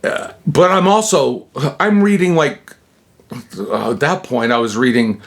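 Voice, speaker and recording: Telling a personal story, a Utah man in his sixties speaks in a medium pitch that's very animated, unhurried, and a bit bright. As a vlogger he rambles, chuckles, cuts himself off, and slips in slangy asides.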